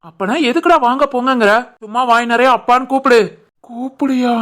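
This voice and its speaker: A woman's voice: fairly high pitch, fairly even intonation, a little fast, a bit bright, lightly acted. A woman voicing a remorseful older village father who pleads, choked with emotion, in a Kanyakumari Tamil accent, for a cartoon family drama. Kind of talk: animated family drama voice acting.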